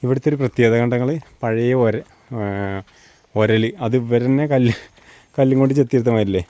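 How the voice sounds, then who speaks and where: A vlogger with a Kerala Malayalam accent leads a casual, chatty walking tour through hilly countryside, sprinkling English slang into his Malayalam. His mid-range voice is warm, brisk, and fairly even in intonation. The outdoor rural recording is dry, with clear background noise.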